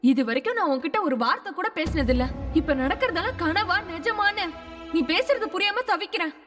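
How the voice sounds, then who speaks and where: A woman's voice: very high-pitched, lively intonation, a little fast, over music. An actress playing a frightened, confused young woman who keeps asking questions in a film. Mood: anxious. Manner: anxious, questioning. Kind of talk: film dialogue. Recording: distant mic under film score.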